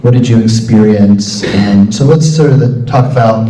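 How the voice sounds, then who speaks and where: A man hosts a church forum interview in a relaxed, halting way, filling gaps with pauses. His voice is mellow and darker in tone. It comes from some distance in an echoey hall with a faint hiss. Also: lowish voice. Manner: relaxed and hesitant, with many "uh"s. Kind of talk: hosting an interview. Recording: echoey hall, voice from far off mic, faint noise.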